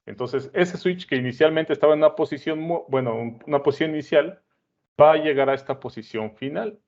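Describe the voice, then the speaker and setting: A man's voice: a little high, fairly quick, a little mellow. Casual man teaching on lo-fi audio. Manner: conversational, checks in with "¿sale?" and "¿no?". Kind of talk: explaining at a whiteboard. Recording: dull lo-fi sound.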